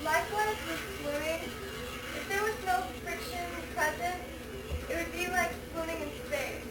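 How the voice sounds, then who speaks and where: A woman's voice: extremely high pitch, moderate pace. A woman carefully reading a prepared school report aloud, captured on old camcorder audio. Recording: hissy old home camcorder recording.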